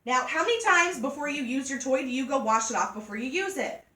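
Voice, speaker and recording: A woman giving a joking, animated sales demonstration to a group of women. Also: sits high, fast. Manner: chatty, joking, animated storytelling. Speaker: party product consultant. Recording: echoey room from far off.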